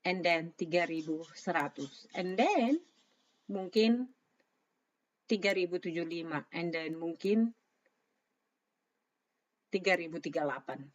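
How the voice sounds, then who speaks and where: Hoarse, raspy woman giving casual market commentary. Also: on the low side, slow, long pauses. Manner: informal, mixes English phrases into talk. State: hoarse from a sore throat and cough. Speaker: trader presenting market analysis. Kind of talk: casual spoken chart commentary. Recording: dull, lo-fi microphone sound.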